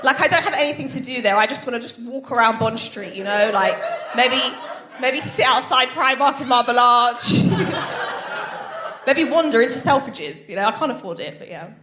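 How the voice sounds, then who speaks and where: Girl doing standup, kinda high voice, chatty, snorts when she laughs, echoey noisy venue. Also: lively intonation, brisk, crowd noise. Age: 20s. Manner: giggles and snorts while laughing; chatty, addresses the audience with frequent tag questions. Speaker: stand-up comedian. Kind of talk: live stand-up comedy. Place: stage at a live comedy night. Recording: echoey live venue with background noise.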